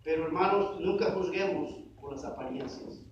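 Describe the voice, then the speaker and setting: Male pastor, sermon, call-and-response questions, high voice, far from the mic, muffled lo-fi sound. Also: moderate pace, background noise. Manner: addresses listeners as brothers. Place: church sanctuary. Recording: echoey distant dull church recording.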